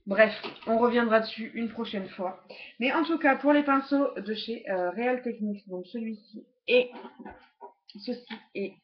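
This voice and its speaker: A woman's voice: on the high side, unhurried, dull audio. A woman casually reviewing makeup brushes, hesitant and chatty with many fillers, recorded at home on a laptop webcam. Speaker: beauty vlogger.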